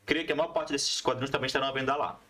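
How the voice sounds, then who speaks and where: A man with a northern Brazilian accent, a member of a comics collective, explains things as a guest on a podcast in casual conversation. His medium-pitched voice is steady and sharp, and he talks rapid-fire, frequently tacking on "né" to check that listeners agree.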